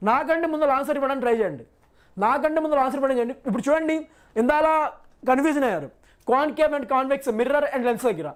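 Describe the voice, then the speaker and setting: High-voiced man teaching, repeating himself. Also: lively intonation, quick pace. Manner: repeats himself, asks and answers his own questions; reassuring, coaxing students. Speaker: physics teacher. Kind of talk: live online class.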